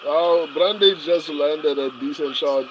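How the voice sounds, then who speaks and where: A man with a fairly high voice hosts a relaxed fight watch-along stream. He talks slowly, reads viewer comments aloud, chuckles often and stumbles through restarts and "um"s. There is a steady hiss of noise under his voice. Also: dull audio. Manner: laid-back and chuckling, with many fillers and restarts. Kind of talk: casual live fight commentary, reading chat aloud.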